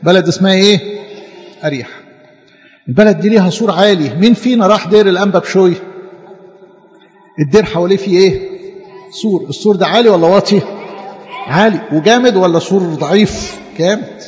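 An Egyptian man teaching a Sunday school lesson. He keeps stopping to quiz the children and has them finish his sentences. His voice is high for a man, and it sounds dull and lo-fi in a large, echoing hall. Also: quick pace, long pauses, darkish tone. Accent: Egyptian Arabic. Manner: question-and-answer storytelling that leaves blanks for the listeners to fill. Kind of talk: Bible story told to children.

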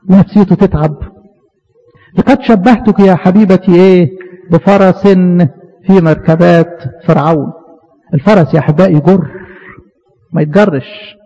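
A man with an Egyptian Arabic accent preaching a fervent sermon, asking his listeners questions and slowing down to quote scripture. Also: high voice, slightly rough, long reverb tail, highs cut off.

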